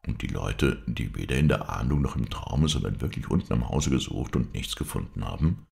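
A man's voice: very deep voice, animated, brisk, gravelly, darkish tone, full character voice. A man reading aloud, playing a sober, skeptical husband who answers with dry irony. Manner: dry, reasoning.

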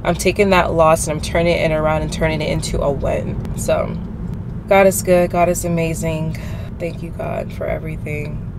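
A woman's voice: low-pitched, little pitch movement, moderate pace, gravelly. A young woman vlogging from a car at night, talking in a heartfelt, prayerful way and repeating phrases for emphasis. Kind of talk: reflective car vlog talk. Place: inside a car at night, traffic outside. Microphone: camera mounted on the dashboard. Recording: loud road and car noise.

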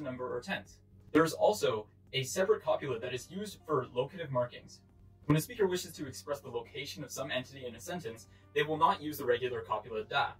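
Brisk young man presenting a lesson. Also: mid-range voice, fairly bright tone, poor audio. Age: 20s. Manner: formal, explanatory. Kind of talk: scripted educational narration.

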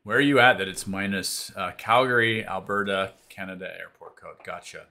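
A man's voice: low-pitched, moderate pace, bright, forceful tone. A man hosting a live coding stream, thinking aloud as he debugs, muttering to himself and answering viewer chat.

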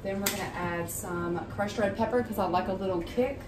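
Here a home cooking vlogger speaks at medium pitch and a little fast, talking informally and folksily as she cooks along. The setting is her home kitchen indoors, where the sizzle of frying and general kitchen noise are clearly audible.

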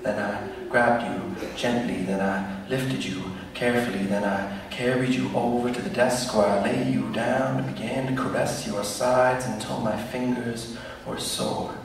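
A man's voice: mid-range voice, steady tone, measured pace, noisy background. A young man performing slam poetry on stage with a theatrical, rhythmic, emphatic delivery. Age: young adult. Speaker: slam poet. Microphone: microphone on a stand. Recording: echoey hall recorded from far off.

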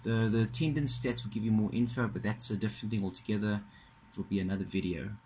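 A man giving a casual, halting walkthrough of a computer system, filmed with a phone pointed at the monitor. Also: fairly low pitch, steady tone, a little mellow, slight background noise. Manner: casual, halting, many fillers and restarts. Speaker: software trainer. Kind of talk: screen-recorded software walkthrough. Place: indoors at a desk. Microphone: phone filming a monitor.

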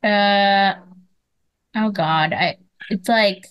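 Woman, podcast guest, medium pitch, casual chat, upbeat, chatty. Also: very slow, fairly bright tone, a little hiss or hum. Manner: chatty, laughs easily, upbeat.

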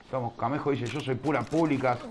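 Casual: argentine guy streaming, casting a shooter match, chatty and teasing, middle-pitched voice with faint gunfire behind. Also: steady tone, fast talker, slight background noise. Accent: Rioplatense Spanish. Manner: chatty, teasing, scolds chat playfully. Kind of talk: live game commentary.

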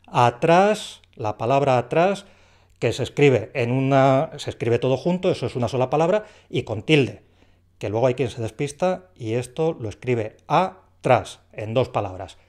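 Guy teaching spelling, clear and patient, asks questions then answers them, normal mid voice. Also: medium pitch, expressive, moderate pace, darkish tone. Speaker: language teacher. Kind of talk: explaining a dictation lesson.

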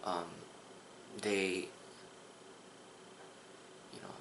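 A man's voice: low voice, level tone, extremely slow, a bit bright, roomy sound, slight background noise, low-quality recording. A man in his thirties, a kung fu instructor, talking earnestly to the camera in a casual vlog, rambling with restarts. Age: 30s. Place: small indoor room with a sofa.

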